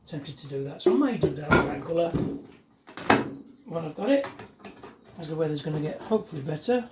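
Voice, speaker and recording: A woman's voice: sits low, a little fast, heavy background noise. A woman talking casually to camera while spray-painting a car part in her home garage, her voice muffled by a paint mask. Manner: relaxed, chatty running commentary. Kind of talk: casual talk while working.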